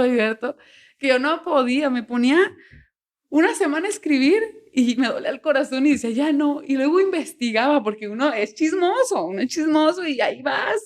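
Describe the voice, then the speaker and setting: A woman guest on a podcast, telling her story in a casual, animated way and acting out bits of dialogue. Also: high voice. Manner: animated storyteller, quotes dialogue, frequent "o sea", laughs often. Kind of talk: casual interview chat.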